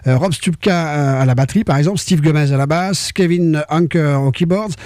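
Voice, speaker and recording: A man's voice: on the high side, fairly quick, darkish tone, no echo, clean studio sound. A man hosting a blues music show on the radio, chatting informally as he introduces records. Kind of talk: casual radio presenting between records.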